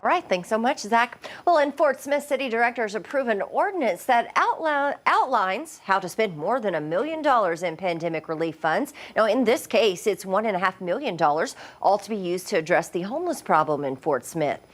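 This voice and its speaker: A woman's voice: mid-range voice, expressive, normal speed, hardly any pauses. A woman anchoring a local television newscast, reading scripted stories and handing off to colleagues. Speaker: news anchor.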